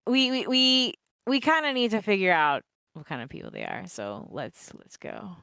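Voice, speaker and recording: A woman's voice: mid-range voice, sing-song, normal speed, creaky, bright, forceful tone, dry recording, clean studio sound. A woman chatting casually as a player in a tabletop game.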